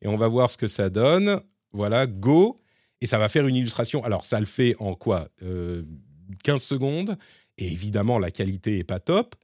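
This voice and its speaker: A man's voice: lowish voice, sing-song, normal speed, darkish tone, no room sound. Chatty male podcast host, dry sound. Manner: explaining and demonstrating tools live, chatty. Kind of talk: casual tech chat.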